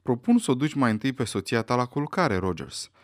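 A man reading aloud, voicing a stern, authoritative elderly judge with a dry, measured, commanding manner. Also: medium pitch, very animated, no echo, natural voice.

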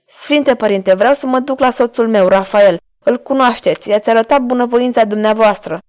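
Woman reader doing a young abducted woman in an audiobook, high and emotional, pleading. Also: a little mellow, close to an everyday voice.

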